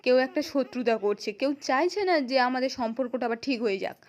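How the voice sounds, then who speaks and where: A woman's voice: high voice, a little fast, lightly acted. A woman with a West Bengal accent voicing an earnest young man pleading with his mother.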